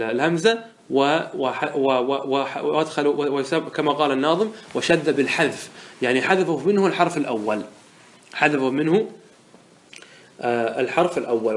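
A man teaching Arabic morphology in a lecture, explaining verses step by step and often checking that listeners follow. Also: mid-range voice. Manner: patient explainer who asks rhetorical check questions; repeats and restarts words while thinking aloud. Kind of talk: classroom lecture explaining a didactic poem.

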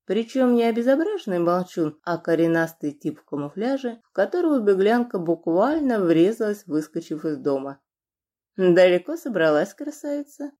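A woman narrating an audiobook in a dramatic, expressive reading. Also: mid-range voice. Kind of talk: scripted narration.

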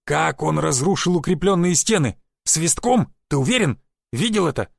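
Brief: bossy secret police chief, loud and scolding, a gravelly, raised voice, played by a male reader. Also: fairly high pitch, expressive, moderate pace, no room sound, studio quality. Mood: furious. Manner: shouting, cursing, scolding. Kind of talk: audiobook character voice.

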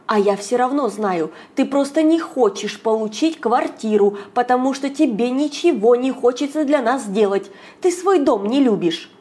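Brief: woman reading as a reproachful young mother, slow and complaining. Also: a little high, animated, darkish tone, natural voice. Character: discontented young mother complaining about housing.

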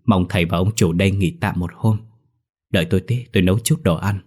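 A man voicing a poor village father who stammers and begs in a rushed, pleading way in a storybook ghost tale. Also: low-pitched, steady tone, a little mellow, breathy edge.

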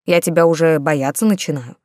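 A woman's voice: low-pitched, brisk, darkish tone, dry recording, studio quality, natural voice. A woman voicing a sarcastic male talking rat, grumbling and snide.

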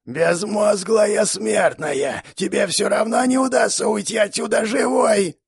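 A man voicing a cruel, wheezing female guard who shrieks hoarse threats. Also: sits high, a little slow, no echo, clean studio sound, pitched above the performer's own voice, exaggerated voice. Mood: menacing.

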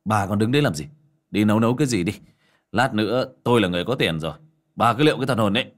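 A man's voice: fairly low pitch, big pitch swings, moderate pace, fairly bright tone, exaggerated voice. A man voicing a spoiled, greedy young man who talks down to his mother in a bossy, scornful way.

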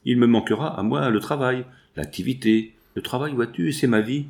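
A man reading aloud and voicing a doting, worried father in his fifties who coaxes his daughter gently. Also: medium pitch, normal speed, natural voice. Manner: gentle, anxious coaxing.

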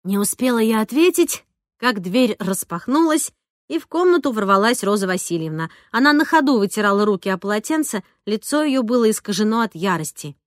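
A young woman narrating a story in first person, with lively, expressive delivery. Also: medium pitch, fairly quick, no room sound, studio quality. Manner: lively, expressive dialogue reading. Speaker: audiobook narrator.

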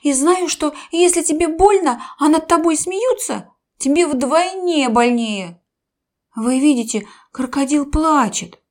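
A woman's voice: high voice, measured pace, pitched above the performer's own voice. A woman doing a ringing-voiced little bird. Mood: indignant. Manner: earnest, scolding.

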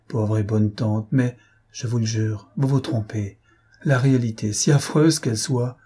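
A man's voice: medium pitch, mellow, breathy edge. A man voicing a feverish, bedridden young man, agitated and imploring, in an audiobook.

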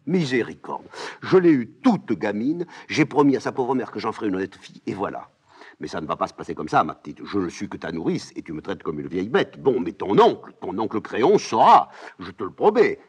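A man reading a play aloud, voicing a fussy, scolding old nursemaid in a high raised voice. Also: big pitch swings, fairly quick, slightly rough. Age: older. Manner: shrill, scolding, exclamatory.

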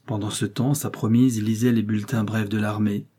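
A man reading a short story aloud in a measured narrating manner, raising his voice for the characters' lines. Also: flat delivery, mellow, breathy edge. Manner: measured, voicing characters' lines with raised pitch.

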